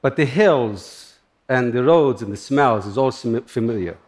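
A middle-aged man from Turkey, speaking halting in short phrases as he tells a personal story on stage. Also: medium pitch, lively intonation, darkish tone. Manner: plain, halting non-native English with short phrases. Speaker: speaker giving a talk.

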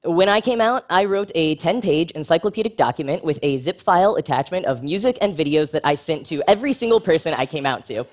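In a prepared public talk, a man speaks fast with few pauses. His delivery is dry-witted, candid and funny, and his pitch leaps energetically for emphasis.

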